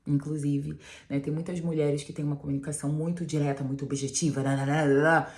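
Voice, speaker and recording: A woman giving animated relationship advice straight to her viewers in a casual vlog. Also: low-pitched, a little fast. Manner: animated, talks straight to viewers with frequent "né?" and "gente". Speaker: relationship mentor, channel host.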